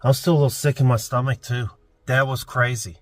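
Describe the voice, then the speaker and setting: A man's voice: mid-range voice, fairly even intonation, fairly quick, faint music behind. A man filming a ghost hunt outdoors at night by crypts, shaken and exclaiming as he talks to viewers. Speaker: paranormal investigator. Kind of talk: handheld ghost-hunting vlog.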